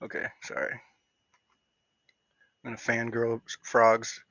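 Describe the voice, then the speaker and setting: A man hosting a casual livestream, rambling and excitable, with lots of filler words. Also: mid-range voice, a little slow. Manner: rambling, excitable, heavy use of "like". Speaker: livestream host. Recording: dull lo-fi dry stream audio.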